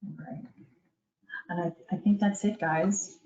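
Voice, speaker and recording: A woman's voice: medium pitch, steady tone, a little slow, a little mellow, slight background noise. A woman moderating an online conference session, reading out questions and thanking the speaker in an upbeat way. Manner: upbeat, brief interjections. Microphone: video call. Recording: roomy, dull call audio.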